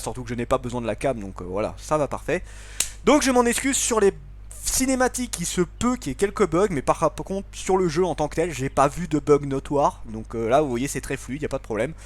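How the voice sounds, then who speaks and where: Chatty gamer man, lively voice. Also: fairly high pitch. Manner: chatty, apologetic, self-mocking. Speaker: let's play gamer. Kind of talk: casual game commentary.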